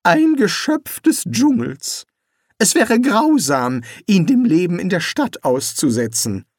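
A nervous, cowardly wizard talks in a raised, wary voice, as a man reading an audiobook puts him on. His pitch moves around a lot, and he stretches out his words. The recording is close and dry. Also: sing-song, takes it slowly, no echo, exaggerated voice. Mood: persuasive. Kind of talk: audiobook character voice.

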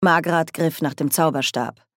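A woman narrating an audiobook in a measured, even storytelling manner on a close mic. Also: low-pitched, no echo. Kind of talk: scripted narration.

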